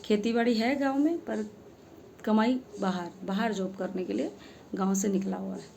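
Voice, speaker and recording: A woman social media creator tells her followers a heartfelt story, earnest and emphatic, tossing in rhetorical questions along the way. Her mid-range voice is gravelly yet mellow at a moderate pace, with a little hiss or hum in the audio.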